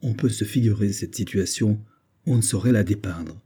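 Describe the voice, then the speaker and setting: A man narrating an adventure novel in a steady, measured audiobook reading. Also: on the low side, husky. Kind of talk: scripted narration.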